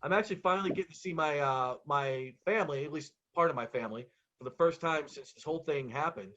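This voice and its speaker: A touring road comic with a slightly high, bright, pushed voice rattles off punchy stand-up jokes fast, framing them as conversational stories with acted-out exchanges. He sounds exasperated and self-mocking, and the recording is muffled.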